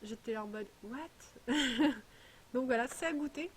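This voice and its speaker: A woman's voice: a little high, fast. A woman vlogger chatting casually while unboxing a parcel, rambling and full of hesitations. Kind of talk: casual chat.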